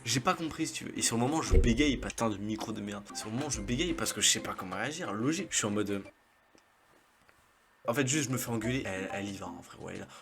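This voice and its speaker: Young man telling slangy anecdotes. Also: medium pitch. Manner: slangy, chatty, laughs at his own stories. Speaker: YouTuber. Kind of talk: casual storytelling to camera. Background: music.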